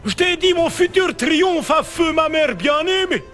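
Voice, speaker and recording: Very high, fierce cartoon challenger. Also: male voice, expressive, unhurried, a bit bright, faint music behind, full character voice. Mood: grandiose. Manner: grandiose, ranting. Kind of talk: dubbed cartoon game dialogue.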